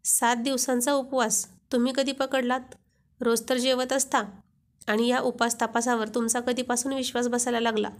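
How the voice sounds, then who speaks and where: A woman's voice: a little high, level tone, normal speed, lightly acted. A woman voicing a shy young wife who flares up and gets flustered at her husband's teasing. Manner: coy, flustered.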